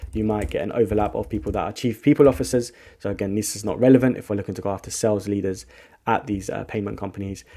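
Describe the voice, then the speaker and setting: An agency founder gives a casual screen-share tutorial on a software tool, thinking aloud and restarting often. His voice is on the low side.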